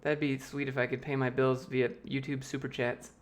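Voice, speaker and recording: An American man hosts a casual YouTube livestream Q&A, reading viewer questions from chat aloud and answering in a loose, joking, offhand manner. His mid-range voice is flat in delivery at a normal speed.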